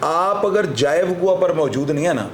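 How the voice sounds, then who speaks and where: A man with a Pakistani Urdu accent breaks down legal terms like a seasoned crime analyst. He lectures with emphasis and keeps leaning on filler phrases. His voice sits a little high, and it echoes in a room with faint noise behind it. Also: lively intonation, normal speed. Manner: lecturing, emphatic, frequent filler 'jo hai na'. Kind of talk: explanatory talk-show commentary.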